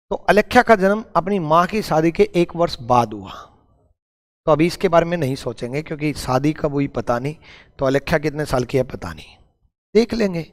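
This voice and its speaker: A man's voice: a little high, a bit bright, in a large hall. A man teaching a live online math class, repeating each step and calling his students brother.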